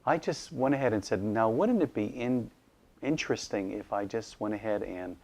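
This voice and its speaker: Middle-aged man from Iraq, an author and educator, somewhat low voice, halting, thoughtful interview delivery. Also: animated, darkish tone. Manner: thoughtful, hesitant with many fillers and restarts. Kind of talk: casual interview monologue.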